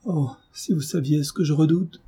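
A man's voice: on the low side, normal speed, mellow, breathy edge. A man voicing an anguished young mother who pleads in a tearful, breaking voice, read as an audiobook. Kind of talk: audiobook reading.

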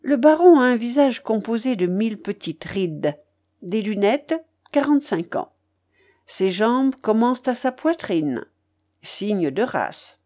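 Woman audiobook narrator, unhurried, warm-toned, lively melody. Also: a little high. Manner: measured, expressive storytelling.

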